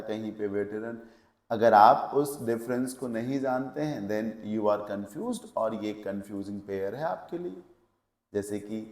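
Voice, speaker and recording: A man's voice: mid-range voice, a little mellow, roomy sound. A male English teacher giving a lecture, explaining step by step and checking with questions, mixing English words into his Hindi. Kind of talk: classroom lecture.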